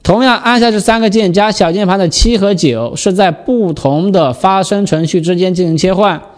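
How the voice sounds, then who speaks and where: A man giving a step-by-step software tutorial, explaining and patiently repeating the key steps. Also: high-pitched, moderate pace.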